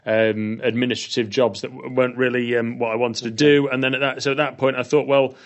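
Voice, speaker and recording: A man's voice: mid-range voice, flat delivery, a little fast. A man, a head teacher being interviewed, talking with many ums and restarts. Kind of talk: casual interview.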